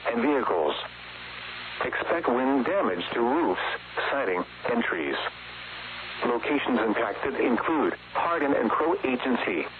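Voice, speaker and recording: A man's voice: medium pitch, big pitch swings, unhurried, long pauses. A man's synthetic, stilted weather radio voice reading a scripted emergency warning over a noisy, muffled radio broadcast.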